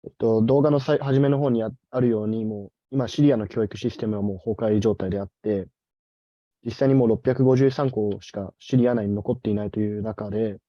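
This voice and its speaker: A man's voice: lowish voice, steady tone, rapid-fire, warm tone, no echo. A man working as a live interpreter, rendering a speech from his notes with hesitant fillers over a video call. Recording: muffled lo-fi video-call audio.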